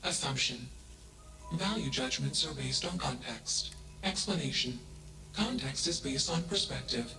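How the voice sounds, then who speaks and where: A man voicing an emotionless male AI that speaks in flat, clipped keywords, in video game dialogue with an echo and music underneath. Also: medium pitch, measured pace. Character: emotionless male AI mind, cold and literal. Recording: echoey game audio over music.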